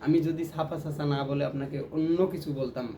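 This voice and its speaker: This music lesson features a fast-talking man with a fairly high, steady voice teaching ukulele. He explains strums, counts them out and chants rhythm syllables aloud as he plays, with loud plucked strings under his voice and soft music in the background.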